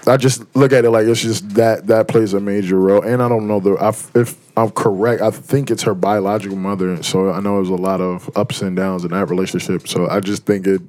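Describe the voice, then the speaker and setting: A man, co-hosting a casual chat show, talking in halting bursts with many fillers and restarts. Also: on the low side, steady tone, a little mellow, no room sound. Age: 30s. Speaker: podcast co-host.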